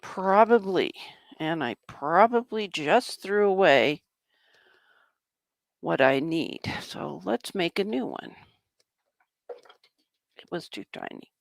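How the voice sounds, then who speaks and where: Slow, chatty woman crafting at home. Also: lowish voice, lively intonation, vocal fry, no room sound. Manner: chatty, talks to herself while working. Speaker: craft vlogger. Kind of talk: casual crafting demonstration.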